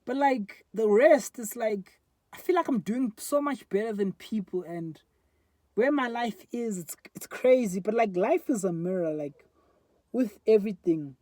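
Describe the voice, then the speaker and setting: A South African man in his twenties rambles candidly into his phone's front camera, a casual, reflective vlog monologue full of fillers. His high-sitting voice is expressive, a little slow and a little mellow, with no echo.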